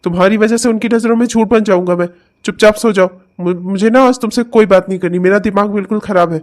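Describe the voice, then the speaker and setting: A man's voice: sits high, fairly even intonation, fast talker, close to an everyday voice. A man voicing an honest young husband who sternly lectures his wife in a cartoon comedy. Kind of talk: cartoon voice acting.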